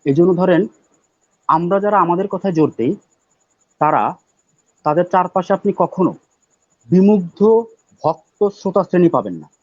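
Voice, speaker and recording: A man speaking as a guest poet on a live talk show, loud and emphatic, repeating words for stress. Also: high-pitched, animated, moderate pace, long pauses, no echo. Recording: dull, dry lo-fi audio.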